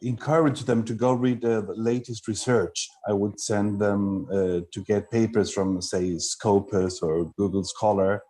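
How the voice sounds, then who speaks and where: Guy from chile on a video call, mellow dark voice, slow careful answers with lots of uhs. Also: on the low side. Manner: measured, thoughtful, with fillers. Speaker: culinary instructor. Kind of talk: online meetup interview.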